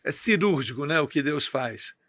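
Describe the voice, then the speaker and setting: A middle-aged man with a Brazilian accent preaches on a church podcast, his voice high and bright with a gravelly fry. He speaks emphatically, quoting scripture. The sound is close and dry. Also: animated, normal speed, dry recording. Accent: Brazilian Portuguese. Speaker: bishop and podcast host.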